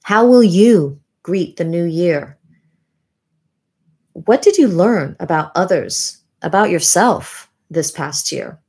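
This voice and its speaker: A woman hosting a podcast, reading a scripted monologue in a measured, deliberate way with reflective pauses. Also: lowish voice, lively intonation, a little mellow, slightly rough. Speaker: podcast host. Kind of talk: scripted narration, year-in-review monologue.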